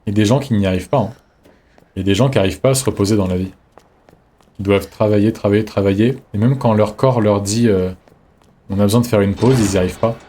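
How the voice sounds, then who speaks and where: A man streaming a game live, thinking aloud in a relaxed, reflective way as he chats with his viewers. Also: on the low side, quick pace. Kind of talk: live gameplay commentary, chatting with viewers.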